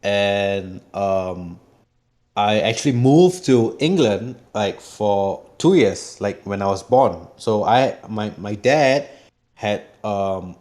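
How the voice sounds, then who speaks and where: A man's voice: on the low side, lively intonation, slow, a little mellow. A man from Singapore chatting casually as a guest, hesitant, often repeating words and laughing. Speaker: project guest. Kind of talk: casual chat.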